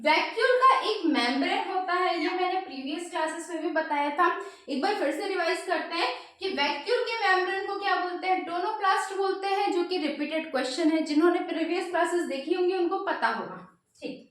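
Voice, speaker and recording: A woman's voice: extremely high pitch, lively intonation, brisk, a bit bright. A woman teaching biology for exam prep, asking questions and answering them herself. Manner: repeats "ठीक है" often. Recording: very echoey room.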